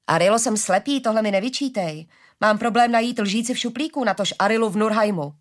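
A woman's voice: mid-range voice, pitched above the performer's own voice, lightly acted. A woman voicing a cheeky, easily startled blind young man with a dramatic, whiny manner in a storybook reading.

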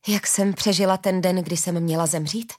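A woman voicing a calm, determined young heroine telling her story in a storybook reading. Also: on the low side, natural voice.

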